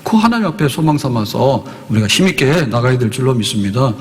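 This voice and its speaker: A middle-aged male pastor preaching a sermon, animated and conversational, acting out the voices in the stories he tells. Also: mid-range voice. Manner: breaks into slow hymn singing. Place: church sanctuary. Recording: long church hall reverb.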